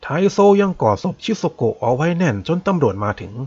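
A man calmly narrating a novel as a bedtime story. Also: medium pitch, fairly quick, slightly rough. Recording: dull lo-fi recording.

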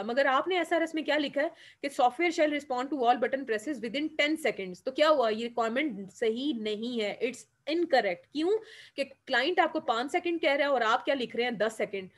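High-voiced Pakistani Urdu woman lecturing. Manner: explanatory, asks the class questions and answers them; mixes English terms into Urdu. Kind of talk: classroom lecture.

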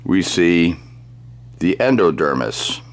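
A middle-aged man presenting a scripted science demonstration, speaking deliberately as if dictating, phrase by phrase. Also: sits low, very animated. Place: small cluttered indoor workroom.

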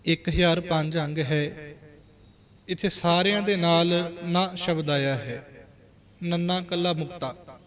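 High-voiced Punjabi man teaching scripture recitation. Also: a crowd in the background. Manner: slow, deliberate recitation of verses with pauses. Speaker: Sikh preacher teaching scripture pronunciation. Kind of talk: religious lesson on recitation.

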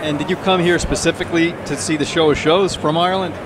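A man's voice: on the high side, steady tone, fast. A man interviewing attendees at a large convention hall with a handheld mic, asking polite, brief questions. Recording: loud hall background noise.

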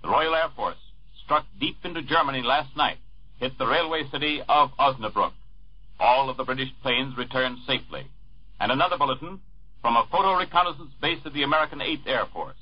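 A man reading war news as a radio newscaster in a formal, measured way, heard through an old 1940s radio broadcast recording. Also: medium pitch, husky. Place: network radio studio. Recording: dull lo-fi 1940s radio archive.

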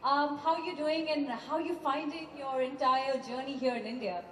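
A woman's voice: sits high, steady tone, moderate pace, fairly bright tone. A woman hosting a live launch event on stage with a handheld mic, bubbly and upbeat as she questions her guest. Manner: bubbly, upbeat, leads applause. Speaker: event host. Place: large event hall on stage. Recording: distant, echoey hall with faint noise.

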